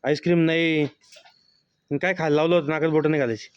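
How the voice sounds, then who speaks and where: A man talks to the camera and to his toddler in a teasing, coaxing way. His voice sits fairly high for a man. The sound is dull and lo-fi, like a phone camera recording. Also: steady tone, fast talker, smooth. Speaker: vlogger filming his small child. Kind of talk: casual family vlog, talking to camera and toddler.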